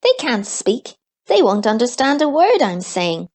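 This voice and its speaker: A woman voicing a kind young girl in a children's storybook, speaking softly and coaxingly. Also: on the high side, big pitch swings, unhurried, pitched above the performer's own voice. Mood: gentle. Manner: soft, coaxing.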